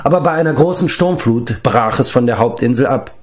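A man's voice: mid-range voice, lively intonation, a little fast, pitched above the performer's own voice, close to an everyday voice. A man voicing a whiny, self-pitying male giant in an audiobook reading, wailing his complaints.

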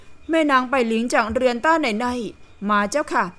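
A woman voicing a clever young maidservant in an audio novel, polite and flattering. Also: on the high side, moderate pace, close to an everyday voice.

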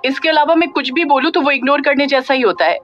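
A woman narrator doing a sulky, snappish young woman in an audio story, pitched a bit high, dull lo-fi sound with faint music under it. She complains in quick huffy runs, sharp and put out. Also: natural voice. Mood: sulky irritated.

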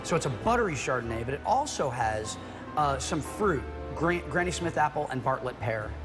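A man's voice: mid-range voice, very animated, normal speed, over music. A middle-aged man, a winemaker, guiding a tasting in a friendly, explanatory way, recorded indoors in a winery on a lapel mic. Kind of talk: conversational product explanation.

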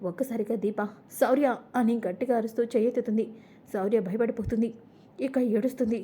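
A woman narrating a recap of a family serial in a plain, steady storytelling manner. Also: a little high, fast talker, slightly rough.

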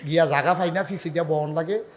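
A man voicing a shy young male village cyclist, speaking softly and meekly. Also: on the high side, steady tone, fast, close to an everyday voice.

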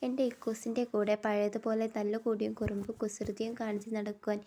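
A woman's voice: mid-range voice, level tone, fairly quick, mellow, natural voice. A woman voicing a devoted older brother who urgently reassures his sister. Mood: reassuring.

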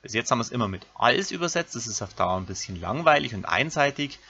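A man's voice: mid-range voice, very animated, fast talker, creaky, pushed and bright, lo-fi sound, slight background noise. A man, a teacher giving a recorded grammar lesson, who explains step by step and speaks directly to his pupils. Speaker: Latin teacher.

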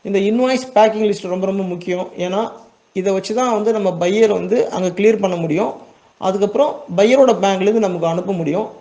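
Fast-talking and warm, in a high-pitched voice, the exporter from Tamil Nadu, India, leads an informal tutorial step by step, speaking with a Tamil Nadu accent, asking listeners if they're following and repeating words for emphasis.

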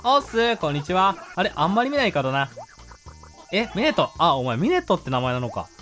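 A man's voice: sits high, huge pitch swings, a little fast, a bit bright, faint music behind, voice pushed up, exaggerated voice. A man voicing a breezy, friendly boyish animal villager. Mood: cheery.

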